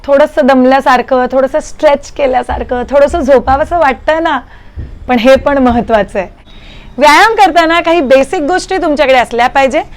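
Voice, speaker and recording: A woman's voice: sits high, a little fast. A woman hosting a prenatal fitness video, talking to viewers in a friendly, chatty way and asking how they feel. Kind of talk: casual talk to viewers.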